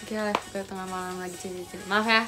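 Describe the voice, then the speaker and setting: A woman's voice: mid-range voice, level tone, fairly quick, over music. A young woman chatting casually to her viewers on a livestream, rambling and talking to them directly. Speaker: idol livestreamer.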